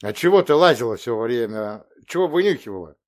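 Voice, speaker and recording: A man reading an audiobook, voicing a sullen, tearful teenage boy who shouts accusations. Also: mid-range voice, lively intonation, fairly quick, natural voice. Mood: accusing.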